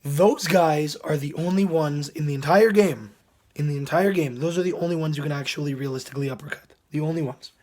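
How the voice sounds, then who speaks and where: A man with a hoarse, sick voice that is giving out gives casual commentary as a game reviewer, often clearing his throat. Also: a little high, fairly quick, a little mellow.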